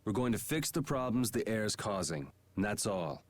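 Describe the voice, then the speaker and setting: A man's voice: on the low side, very animated, moderate pace. An actor playing a blunt, defiant young male hero in a fantasy video game, with a casual, cocky delivery. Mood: thoughtful. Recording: loud background noise and game ambience.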